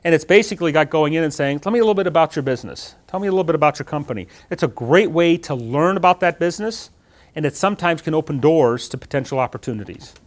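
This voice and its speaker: Speaking quickly and animatedly, a middle-aged guest speaker addresses students about job interviews in a lecture room. His voice is a little high, he talks with his hands, and he keeps the class lively by asking them questions.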